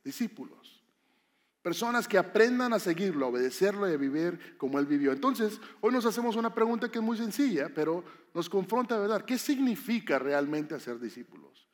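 A man preaching a sermon as a pastor, lively and asking the congregation questions. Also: high voice, fairly quick. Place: church hall. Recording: long hall reverb.

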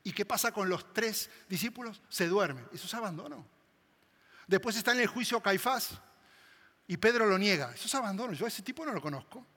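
Brisk and expressive, a male preacher gives a sermon in a high, bright voice, lurching from loud emphatic outbursts to hushed, quiet stretches. A large hall's long reverb follows everything he says.

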